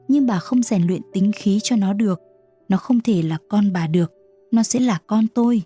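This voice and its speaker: A woman's voice: medium pitch, mellow, breathy edge, lightly acted. A woman voicing a stern old male street performer in a storybook reading, with curt, commanding speech.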